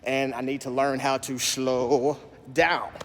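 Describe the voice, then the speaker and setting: A man's voice: mid-range voice, little pitch movement. Country-accented man, slight lisp, slurry, cussing, rambling fitness vlog; long gym reverb, faint hum behind. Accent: Southern US country. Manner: profane, rambling, deliberately slowed. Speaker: fitness vlogger. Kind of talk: casual vlog monologue.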